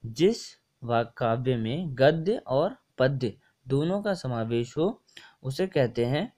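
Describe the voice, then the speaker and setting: A man's voice: mid-range voice, lively intonation, takes it slowly, darkish tone. A young man tutoring for a Hindi exam in a casual, repetitive way, often mixing English words into his explanations. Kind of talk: casual screen-share lesson explaining test answers.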